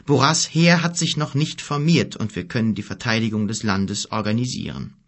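A man voicing an earnest young boy hero in an audiobook, raising his voice to sound higher, urgent and insistent. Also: moderate pace. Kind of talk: audiobook character reading.

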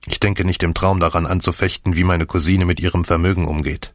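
A man's voice: deep voice, fairly even intonation, brisk, no echo, studio quality. A man reading a cold, curt man. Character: cold, reserved man, a cousin. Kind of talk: audiobook character voice.

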